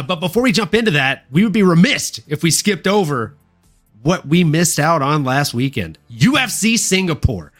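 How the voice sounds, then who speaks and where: This sports podcast host has a fairly high, somewhat bright voice. Informal and full of slang, he plays the showman as he recaps the fight card for fans.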